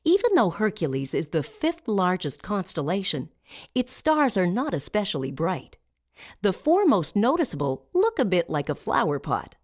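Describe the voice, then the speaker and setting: A woman reading scripted narration as a smooth museum audio guide, measured and clearly enunciated. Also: mid-range voice, wildly swooping pitch.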